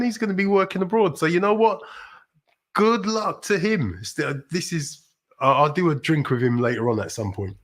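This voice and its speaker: A middle-aged man from South London with a London accent, hosting a casual livestream in a chatty, rambling way with sudden upbeat exclamations. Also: on the high side. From South London, England. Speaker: livestream host.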